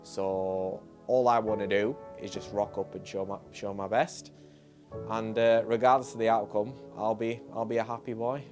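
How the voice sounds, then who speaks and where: A man's voice: lowish voice, flat delivery, normal speed. A young man talking casually as a bodybuilding vlogger and posing coach, chatty and laid-back with lots of fillers. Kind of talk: casual vlog talk. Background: music.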